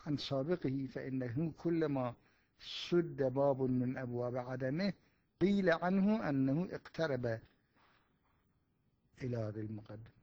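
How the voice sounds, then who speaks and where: A male seminary teacher works through a point of religious law at a deliberate pace, pausing and correcting himself as he goes. The recording is dry and close, with a slightly muffled, dull tone. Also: medium pitch, a little mellow, no echo. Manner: deliberate, with pauses and self-corrections.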